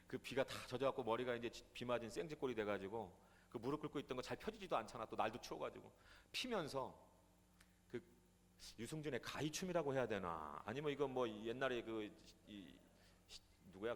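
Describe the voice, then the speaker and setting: A male pastor telling a testimony in a sermon, animated, swinging from loud to hushed. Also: mid-range voice, brisk, long reverb tail. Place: prayer retreat hall.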